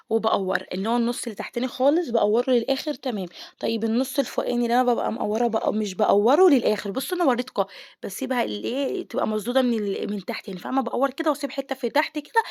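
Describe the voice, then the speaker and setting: A woman's voice: a little high, a little mellow, no room sound, clean studio sound. A woman with an Egyptian Arabic accent hosting a home cooking tutorial, chatty and explaining each step to her viewers. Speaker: cooking channel host. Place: home kitchen.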